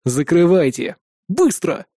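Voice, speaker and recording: Man playing cocky antihero, cold threats, lively swings in pitch, dry sound. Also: a little fast, no echo. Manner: cold, threatening, barking orders. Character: cold, brash male antihero officer.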